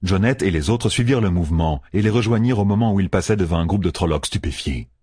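A man narrating an audiobook with expressive storytelling. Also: low voice, quick pace, breathy edge, dry recording, studio quality. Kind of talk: scripted narration.

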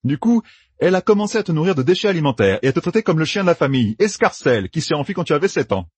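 A man voicing a brash, scheming young leader in a storybook reading, talking high and loud in quick bursts of orders. His voice sits well above his own natural register and keeps a slightly husky edge in a dry, close recording. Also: big pitch swings, no room sound. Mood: emphatic. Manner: bossy, emphatic, rapid-fire planning.

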